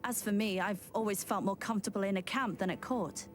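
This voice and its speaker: A woman's voice: medium pitch, fairly even intonation, fairly quick, close to an everyday voice. An actress playing a resolute young queen who leads her troops, speaking proudly and decisively. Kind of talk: video game cutscene voice acting. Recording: game audio with loud music.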